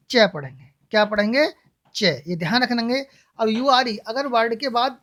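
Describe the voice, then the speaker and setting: A woman's voice: a little high, fairly bright tone. A woman teaching English pronunciation in a classroom style. She asks questions and answers them herself, and spells words out letter by letter.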